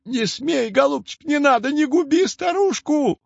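A man voicing a crafty, spiteful old witch woman with a whiny, nasal, creaky voice. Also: extremely high pitch, lively intonation, a little slow, dry recording, dull audio, voice pushed up, heavily acted. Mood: wailing.

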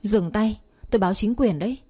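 In this storybook reading, a feisty young woman running a noodle stall talks back in a raised, sharp voice, husky and mellow underneath, as the narrator puts her on. She is quick to protest and slow to back down. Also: close to an everyday voice. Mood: defiant. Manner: defiant, shrill protests.

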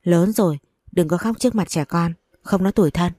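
A woman voicing a caring, thrifty older mother who scolds gently. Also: fairly low pitch, brisk, no room sound, clean studio sound, lightly acted. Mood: kindly.

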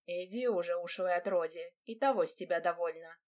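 A woman's voice: on the low side, brisk, a little mellow, close to an everyday voice. An impatient, arrogant young nobleman, played by a woman reading aloud, snapping his words short and scornfully. He sounds haughty and pushy, as a figure in an audiobook. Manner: curt and scornful.

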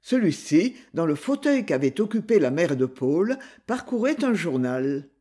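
A man reading a novel aloud as an audiobook narrator, with a husky voice and lively storytelling. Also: fairly high pitch, measured pace. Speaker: audiobook reader.

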